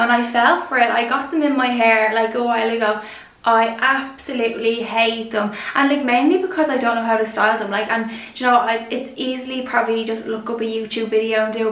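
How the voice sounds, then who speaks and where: A young Irish woman rambles through a try-on haul, her voice slightly raised and gravelly with fry. She is recorded off-mic in an echoey room, with faint music behind her. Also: on the high side, recorded from a distance. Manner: chatty and rambling, heavy use of "like". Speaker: vlogger. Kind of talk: casual try-on haul chat. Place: room at home. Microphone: camera set up at a distance.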